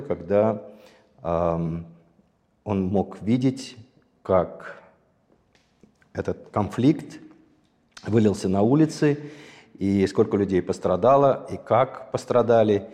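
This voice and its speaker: A man in his sixties from Azerbaijan, appearing as an interview guest, reflectively recounts his past in a deep, mellow voice. He speaks in a measured way, often pausing to choose his words, and a long reverb makes him sound as if he's in a large hall.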